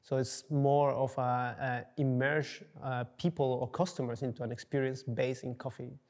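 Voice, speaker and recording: Gravelly young man. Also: mid-range voice, steady tone, moderate pace, a little mellow. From Peru. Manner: searching for words, many fillers and restarts. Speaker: coffee entrepreneur, interviewee. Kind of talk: casual interview answers. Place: dark studio, indoors.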